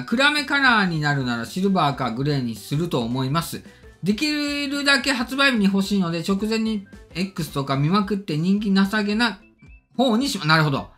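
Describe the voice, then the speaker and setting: A man's voice: high-pitched, sharp tone. A middle-aged man chatting casually as a tech channel host, reading and answering viewer comments politely and emphatically, his diction slightly slurred by orthodontic braces. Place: indoor studio or room, seated at desk. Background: faint music.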